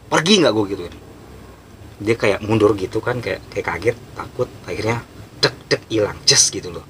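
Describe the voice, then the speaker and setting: A man telling a horror story in a casual, animated way, acting out the scenes. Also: lowish voice, normal speed, a little hiss or hum. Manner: animated, emphatic, acts out scenes.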